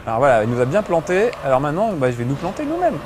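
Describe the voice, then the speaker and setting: A man's voice: on the high side, huge pitch swings, racing, background noise. A middle-aged man giving joking, chatty commentary while playing a video game, swearing casually. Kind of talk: gameplay commentary.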